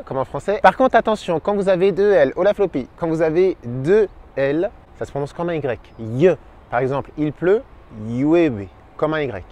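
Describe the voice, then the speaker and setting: A man giving an upbeat video lesson as a language teacher, sounding out each letter slowly and clearly. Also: on the high side, a little mellow. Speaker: Spanish teacher.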